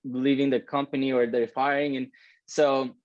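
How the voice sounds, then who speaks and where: A young Iranian man in his twenties co-hosts a casual chat, speaking loosely, swearing often and tacking "right?" onto his sentences. His voice is ordinary in pitch, flat in delivery and moderate in pace. The recording is dull, lo-fi, dry and close.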